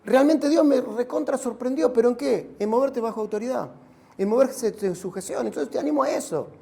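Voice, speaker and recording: A male pastor with a Rioplatense Spanish accent delivers an animated sermon. His voice sits very high and has a gravelly edge. He swells into shouts at times. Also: brisk. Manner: animated preaching, rising to shouts.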